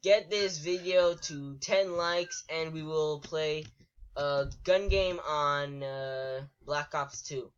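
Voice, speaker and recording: Low voice woman co-host, lots of ums, casual gaming chat, muffled audio. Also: takes it slowly, slight background noise. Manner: hesitant, filler-heavy. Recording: muffled lo-fi recording.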